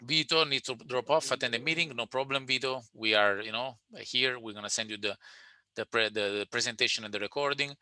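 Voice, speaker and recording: A man with an Italian accent presenting a business webinar and taking questions, speaking in a halting way with frequent restarts and fillers. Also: medium pitch, sharp tone.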